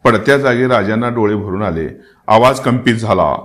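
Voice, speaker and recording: A man reading a historical novel aloud as narrator, in a solemn, measured way. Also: on the low side, a bit bright.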